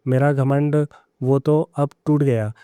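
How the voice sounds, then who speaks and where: A man voicing a proud, bitter older mother-in-law who softens, speaking in a sharp scolding way. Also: medium pitch, steady tone, slow pace, clear, resonant tone, no room sound, clean studio sound, close to an everyday voice. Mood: tender.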